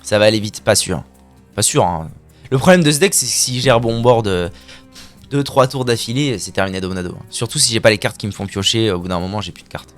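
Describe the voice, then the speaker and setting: Lively guy streaming card games, goofy sound effects, cheeky trash talk, faint music under him. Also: on the low side, a little fast. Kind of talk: live gameplay commentary.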